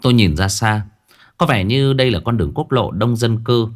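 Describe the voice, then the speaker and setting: A man narrating a first-person story in a gruff, dramatic way. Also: mid-range voice, lively intonation, moderate pace. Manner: gruff and dramatic, acting out his own shouted lines.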